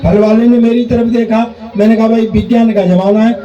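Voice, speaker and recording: A man's voice: high-pitched, flat delivery, brisk, dark tone. A man performing comedy poetry live on stage, joking directly with the audience and acting out dialogue. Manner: jokey, addresses the audience directly, acts out dialogue. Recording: dull, echoey, distant hall recording.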